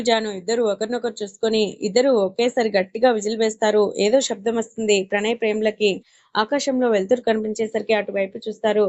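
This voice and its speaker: A woman's voice: on the high side, darkish tone, lo-fi sound. A woman narrating a romance story, reading every character's lines in her own voice. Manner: reads all characters in her own voice with little change.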